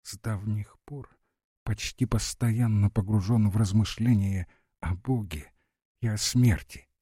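A man's voice: fairly low pitch, measured pace, mellow, slightly rough, no echo. Figure: a weary, reserved general's wife, as a man reads her. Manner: barely audible, dry.

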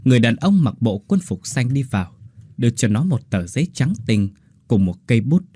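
A man's voice: mid-range voice, very animated, normal speed, warm tone, husky, no echo, studio quality. A man narrating a horror story with dramatic delivery. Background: faint music.

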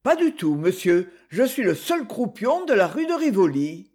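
Reader doing a plump gentleman, grave and solemn, ceremonious politeness, lively, somewhat raised pitch, breathy tone. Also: moderate pace. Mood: earnest. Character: plump, candid man, grave and formal.

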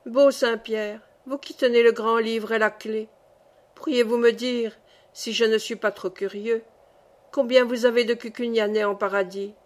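A woman reading a classic short story aloud as an audiobook narrator, in a measured and expressive way. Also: fairly high pitch. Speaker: audiobook reader.

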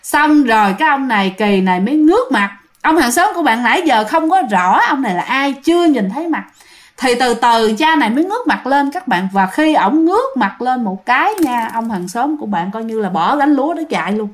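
A woman narrates ghost stories in a chatty manner, frequently speaking directly to her listeners. Her voice is fairly high, very animated and a little fast.

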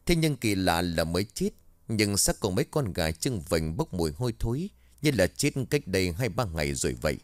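A man narrating a scripted village ghost story in an expressive storytelling manner. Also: low-pitched, fairly quick, dry recording.

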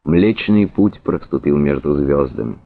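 Very deep-voiced man reading a story. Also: lively intonation, a little slow, vocal fry, no echo. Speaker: audiobook reader. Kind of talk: literary narration. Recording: narrow phone-like sound.

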